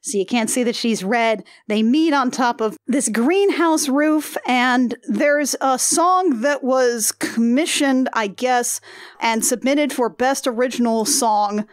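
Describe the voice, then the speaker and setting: A woman's voice: fairly high pitch, slow, no echo, clean studio sound. A woman co-hosting a podcast, chatting wryly with lots of "like". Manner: wry, chatty with many "like" fillers. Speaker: podcast co-host. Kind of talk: casual chat.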